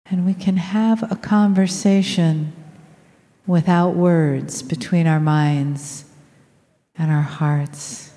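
A woman leading a guided meditation in a soft, soothing, unhurried manner with long pauses, recorded in a reverberant room. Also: on the low side, steady tone. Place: large room with people present. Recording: reverberant hall.

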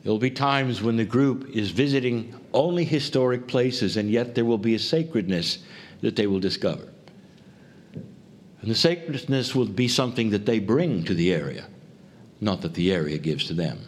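A man giving a spiritual channeled talk to a group, speaking in deliberate, solemn phrases with pauses. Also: lowish voice, lively intonation. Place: live before a group. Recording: faint background noise.

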